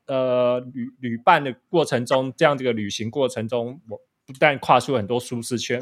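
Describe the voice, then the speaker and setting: Man musing out loud, medium pitch, lots of restarts. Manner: reflective, restarts often, laughs along. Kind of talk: casual chat.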